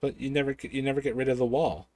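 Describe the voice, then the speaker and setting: A man's voice: medium pitch, steady tone, racing, darkish tone, pitched above the performer's own voice, lightly acted. A man voicing an innocent young girl who asks naive, curious questions.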